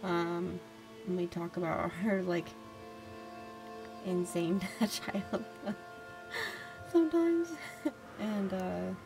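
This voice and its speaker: A woman's voice: fairly low pitch, extremely slow, long pauses, low-quality recording. A woman livestreamer chatting casually and commenting on a game as she plays. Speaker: game streamer. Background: game music.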